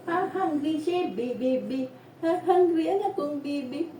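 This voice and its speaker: A woman's voice: high-pitched, expressive, unhurried, warm tone, roomy sound, distant mic. A middle-aged woman vlogging on a farm, chatting playfully and laughing as she baby-talks and sings to her dog. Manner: playful, laughing, sing-song teasing. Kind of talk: casual vlog chat and baby talk to a dog. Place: outdoors on a farm.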